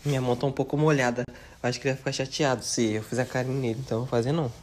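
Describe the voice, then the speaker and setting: A man's voice: medium pitch, flat delivery, rapid-fire, very noisy. A young man vlogging casually, talking in a playful, coaxing way. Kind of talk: casual phone stories.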